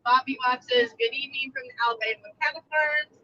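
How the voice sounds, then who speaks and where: A woman, co-hosting a live stream from a truck and chatting through viewer comments in an animated, laughing way. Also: high voice, quick pace, highs cut off. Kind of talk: casual live-stream chat reading comments. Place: inside a truck cab on the road.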